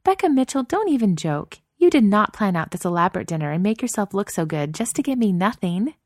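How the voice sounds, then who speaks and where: A woman voicing a bubbly, excitable young woman in a romance audiobook, gushing and eager. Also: medium pitch, dry recording, clean studio sound, voice pushed up. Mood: excited. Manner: eager, gushing, rushing her words. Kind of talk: audiobook character voice.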